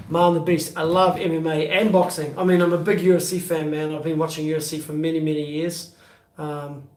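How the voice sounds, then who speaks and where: A man in his fifties with a New Zealand accent, chatting casually on a live stream and answering viewers' questions in a loose, rambling way, full of fillers and restarts. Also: fairly high pitch. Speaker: beer vlogger answering live chat. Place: bedroom, indoors. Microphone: phone on a stand at arm's length. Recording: echoey room, phone mic from a distance.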